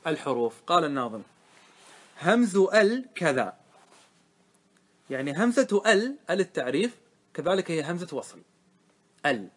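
A man teaching a classroom grammar lesson, explaining step by step and often asking his listeners if it is clear. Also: on the high side. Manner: asks the class questions and answers them himself.

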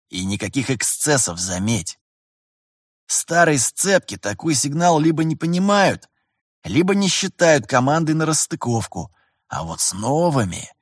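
Guy reading an old-hand pilot, folksy, mocking, lecturing the rookie, dry raspy voice. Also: mid-range voice, no room sound, voice pushed up. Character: seasoned male pilot master, mocking, blunt.

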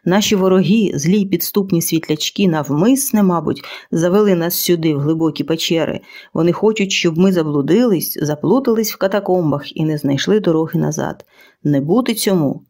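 A woman's voice: on the low side, fairly quick, a little mellow. A woman voicing a menacing male cave warlord who gives threatening commands.

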